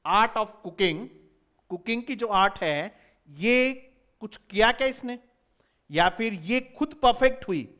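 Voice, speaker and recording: A man's voice: sits high, animated, takes it slowly, sharp tone. A man giving an exam-prep English lecture, spelling words out and firing rhetorical questions at students. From India. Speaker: English teacher.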